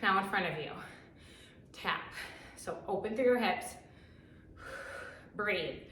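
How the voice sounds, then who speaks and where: A woman coaching a workout like an aerobics instructor, giving short, encouraging, energetic cues as she exercises. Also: medium pitch, slow pace, slight background noise. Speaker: fitness instructor leading a workout. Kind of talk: aerobics instructor cueing and counting down. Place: echoey room, exercising while talking. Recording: very echoey room, distant microphone.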